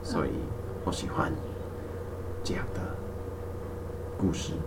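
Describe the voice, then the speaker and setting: Male language learner, English native, foreign-accented hesitant Mandarin, slow delivery, picked up from afar with clear noise. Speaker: language exchange partner. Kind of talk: casual language-exchange chat. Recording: distant microphone, clearly noisy background.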